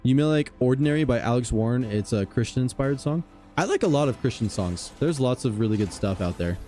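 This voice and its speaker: A male game streamer with a relaxed, mellow voice at a medium pitch. He talks casually to his chat and tells stories in an animated, slangy way. Music plays faintly behind him. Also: a little fast. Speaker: gaming livestreamer.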